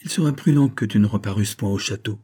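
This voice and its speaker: A man as a grave, quiet army captain. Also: fairly low pitch, quick pace, slightly rough.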